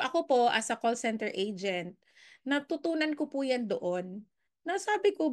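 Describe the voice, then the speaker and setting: A woman from the Philippines coaching people on closing deals in a relaxed, chatty way, moving between Filipino and English. Her voice sits somewhat high. She keeps drawing her listeners in with little questions. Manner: friendly, often checks in with "right?" tag questions. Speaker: sales and business coach. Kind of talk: casual training talk mixing Filipino and English.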